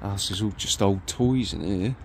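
A man's voice: lowish voice, normal speed, vocal fry, slight background noise. A British man casually narrating a walk around an abandoned site outdoors, upbeat and chatty as he points things out. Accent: British English. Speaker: vlogger exploring abandoned places.

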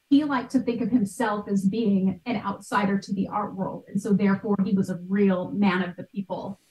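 On a video call, a woman guest expert who podcasts about art history explains things in a clear, conversational way. Her voice is medium-pitched and darkish, captured from a distance in a small, bright home room, giving a roomy sound.

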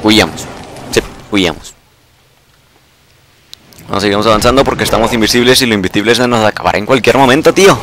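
A young man, casually commentating live gameplay, excitable and repeating words in bursts. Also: lowish voice, fast talker, pauses often, background noise.

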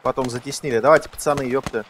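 A man's voice: medium pitch, fairly even intonation, racing, fairly bright tone. A man in gaming voice chat, calling out targets urgently and swearing heavily. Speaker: squad gamer. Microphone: gaming voice chat mic. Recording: noisy game audio with gunfire. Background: gunfire, artillery, clicks.

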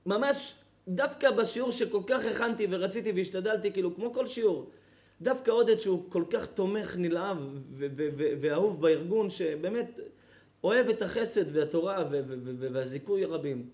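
A man who is a rabbi giving an impassioned public sermon, repeating his phrases for effect and swinging between loud and soft. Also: high voice.

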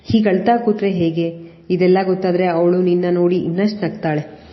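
A woman voicing a gentle, hesitant young woman who softly consoles a friend, read in a storybook narration. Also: fairly low pitch, fairly even intonation, a little fast, close to an everyday voice. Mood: consoling. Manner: soft, consoling. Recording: dull lo-fi audio with long reverb.

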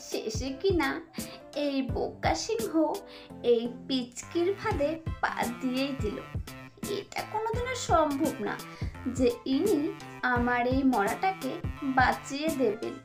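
A woman plays a scheming cartoon vixen who taunts and sneers in a high, slow, drawn-out voice. Her giggling manner stays sly throughout. Faint music plays behind her. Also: lively intonation. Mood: gloating. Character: sly mocking female fox, scheming and taunting. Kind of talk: cartoon voice acting.

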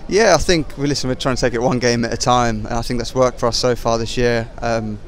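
A young man in his twenties, a footballer, answering post-match questions outdoors into a handheld mic, halting with many fillers. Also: medium pitch. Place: outdoors at a stadium car park.

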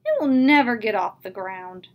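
Eager little storybook toad, quick to give up, bright high voice, read by a woman. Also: highs cut off. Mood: discouraged. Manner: excited, gives up fast. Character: eager little male toad, easily discouraged.

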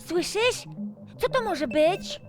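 A woman voicing Urania, a curious, cheerful young girl astronaut in a children's cartoon, excited and full of questions. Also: very high voice, takes it slowly, heavily acted. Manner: excited, exclaiming and asking questions. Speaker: main character. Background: music.

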